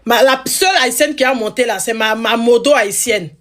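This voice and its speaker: A woman's voice: fairly high pitch, normal speed, a bit bright. A woman from Ivory Coast hosting a live stream, teasing and scolding her viewers with much repetition. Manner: scolding, playful, repeats phrases.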